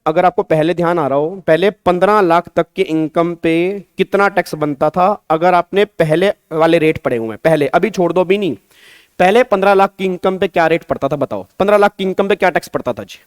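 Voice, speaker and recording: A man's voice: on the high side, fairly quick, smooth, dry recording. A man with an Indian accent giving an online exam-prep tax lecture, coaxing students and repeating his questions, mixing Hindi with English terms. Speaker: tax teacher.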